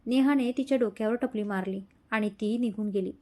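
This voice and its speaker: A woman storyteller reading a romantic serial in steady, scripted narration. Her voice is warm and mellow. It sits a little higher than most. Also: brisk.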